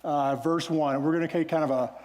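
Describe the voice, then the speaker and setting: A man preaching a sermon as pastor, in a relaxed, conversational storytelling way. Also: fairly high pitch, fast. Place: church sanctuary. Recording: long church hall reverb.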